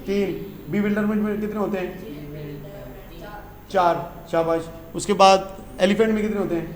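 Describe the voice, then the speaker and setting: A man's voice: high-pitched, steady tone, normal speed, echoey room. A man teaching English grammar, switching between English phrases and explanations and answering his own questions.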